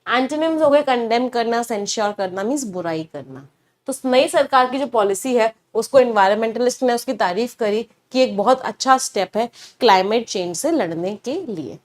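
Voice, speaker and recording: Young female English teacher, fairly high voice, bilingual explainer who quizzes herself aloud. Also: animated, moderate pace. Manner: explains words in Hindi mixed with English, asks rhetorical questions. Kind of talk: online vocabulary lesson.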